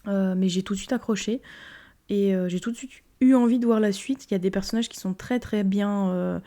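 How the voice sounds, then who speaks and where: A woman's voice: medium pitch, fairly quick, warm tone. A young woman casually reviewing anime, rambling with many fillers and repeated "very, very".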